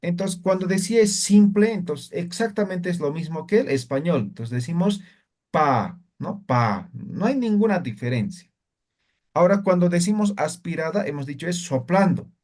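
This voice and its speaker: A man's voice: sits high, lively intonation, moderate pace, a little mellow. A man teaching a spoken language lesson, explaining patiently, repeating words and checking with "¿no?" after most phrases.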